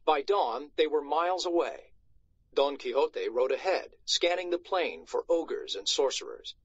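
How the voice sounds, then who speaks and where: Reading a storybook to a group of schoolchildren, this man narrates with drama and expression at an unhurried pace. His voice is husky and fairly high-pitched, captured on a slightly muffled recording.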